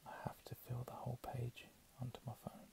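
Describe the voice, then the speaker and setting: A man reading under his breath in a hushed ASMR whisper, with casual murmured asides. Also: mid-range voice, completely flat delivery. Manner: slow, hushed delivery. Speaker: ASMR reader.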